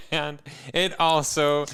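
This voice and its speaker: A man's voice: fairly high pitch, sharp tone, clean tone. A man co-hosting a podcast in casual chat, an easygoing storyteller who laughs often. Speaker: podcast co-host.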